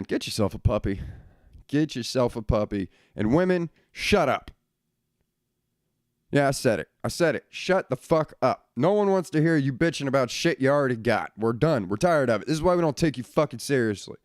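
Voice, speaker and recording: A man's voice: mid-range voice, lively intonation, normal speed, dry recording, clean studio sound. A young man hosting a casual solo podcast from his bedroom, talking bluntly and swearing often as he rants. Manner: blunt, profane and ranting. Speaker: podcast host.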